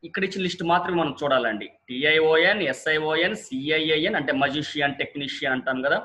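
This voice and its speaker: A man's voice: on the high side, animated, quick pace, sharp tone. A male teacher explaining English word stress in Telugu, repeating each example word twice with careful syllable stress. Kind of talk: exam-prep lesson on word stress.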